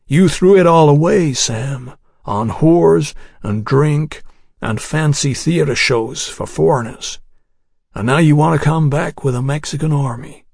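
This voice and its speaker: A man voicing a terse, merciless ranger who talks in blunt, rough grammar, in a storybook reading. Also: a little high, a little mellow, no echo, studio quality, exaggerated voice. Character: grim male ranger assassin, terse and merciless.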